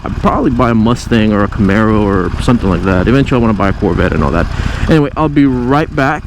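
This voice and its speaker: A man's voice: lowish voice, expressive, fast. A man talking casually inside a motorcycle helmet while riding, rambling and thinking aloud with hesitant self-corrections. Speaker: motovlogger, stock trader. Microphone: mic inside a motorcycle helmet. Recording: helmet mic with engine and traffic noise. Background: engine and vehicle noise.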